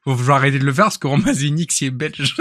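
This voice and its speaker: Rambling jokey northern French streamer. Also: male voice, medium pitch, expressive, fast talker, fairly bright tone, a little hiss or hum. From northern France. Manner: rambling, jokey, trails off into mutters. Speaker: live streamer. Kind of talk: casual live-stream chat.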